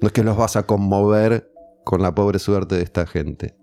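Argentine man, guest, opinionated and wry, lowish voice, faint music behind. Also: moderate pace, dark tone. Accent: Rioplatense Spanish. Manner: opinionated, sardonic, acts out other people's voices. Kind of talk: casual conversation.

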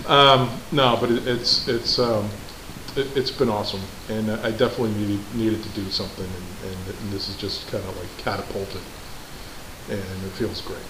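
A man's voice: on the low side, steady tone, moderate pace. Laughing New England man in echoey garage. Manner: rambling, restarts often, laughs easily. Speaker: podcast co-host. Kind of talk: casual chat. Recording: echoey room, background noise.

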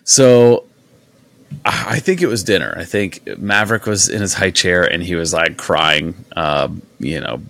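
A man's voice: low voice, a little slow, vocal fry, fairly bright tone. A young man hosting a podcast, telling a rambling, chatty story in a casual way with lots of fillers. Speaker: podcast host. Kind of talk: casual chat.

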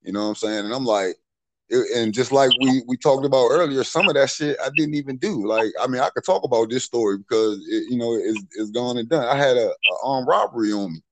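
A man's voice: mid-range voice, fairly quick, dry recording, rough recording. A middle-aged man telling street stories in a casual, profane way, full of "you know what I'm saying.". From Maryland, USA. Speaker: podcast storyteller.

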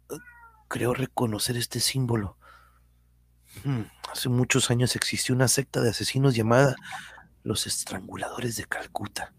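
A man playing a solemn, brave hero of a mystery radio serial, with hushed, intense asides. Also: mid-range voice, husky, no room sound. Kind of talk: radio drama acting.

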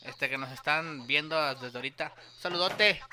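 A man's voice: fairly high pitch, normal speed, sharp tone. A man with a northern Mexican accent in casual, slangy, profane banter as a show co-host. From Puerto Peñasco, northern Mexico. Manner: slangy, profane, street-talk phrasing.

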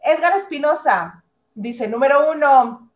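A woman's voice: high-pitched, animated, a little slow. A Mexican woman co-hosting a casual gossip show, chatting and reading out viewer messages. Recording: roomy echo on the voice.

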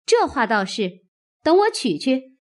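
Woman reading a sharp-tongued proud young maid. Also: high voice, sing-song, unhurried. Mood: tart. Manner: tart, biting.

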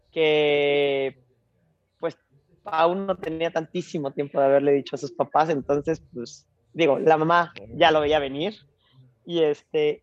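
A young woman with a Mexican accent telling a story in casual chat, slangy and animated, acting out bits of dialogue. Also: low-pitched, no echo, muffled recording.

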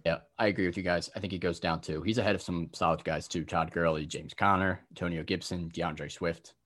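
A young man hosting a casual fantasy football podcast, briskly rattling off lists of players and giving his takes. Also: deep voice, fairly even intonation, a bit bright.

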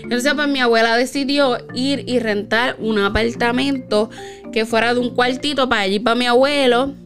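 A woman's voice: a little high, fairly even intonation, moderate pace, fairly bright tone, faint music behind. Chatty woman telling stories. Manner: chatty, many fillers and tag questions. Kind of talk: casual storytelling.

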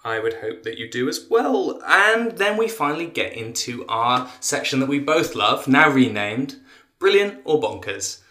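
A man's voice: mid-range voice, sing-song, a little slow, bright, forceful tone. A man co-hosting a podcast with casual, wry teasing. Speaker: podcast co-host. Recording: roomy, echoey sound.

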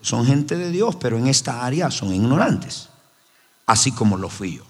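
A man preaching a sermon as pastor, telling stories emphatically with his voice swinging high and low. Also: big pitch swings, moderate pace, husky. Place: church hall. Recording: roomy hall reverb with faint ambience.

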